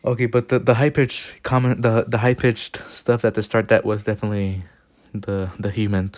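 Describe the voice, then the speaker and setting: A man's voice: on the low side, little pitch movement, normal speed, darkish tone, no room sound, clean studio sound. A man hosting a reaction video, chatting casually and laughing often between comments. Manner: chuckles often, loose and joking. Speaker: host of a railfan video reaction channel.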